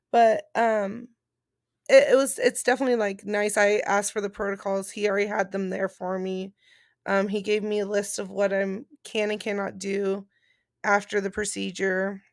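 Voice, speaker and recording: This vlogger, a woman recovering from surgery, talks casually about how her recovery is going, explaining step by step by reading out points and then rephrasing them. Her medium-pitched voice is creaky, captured with studio quality and no room sound.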